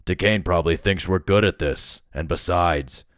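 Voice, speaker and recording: Rimble, a man playing a gruff mocking gang boss. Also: low voice, normal speed, fairly bright tone, no room sound, clean studio sound. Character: low, rough male gang leader.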